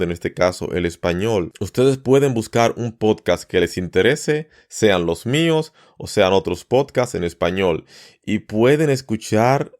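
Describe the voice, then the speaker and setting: A man hosting a podcast lesson, teaching learners at an easy pace and often repeating words or listing them slowly one by one. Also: deep voice. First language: Spanish. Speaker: Spanish teacher and podcast host.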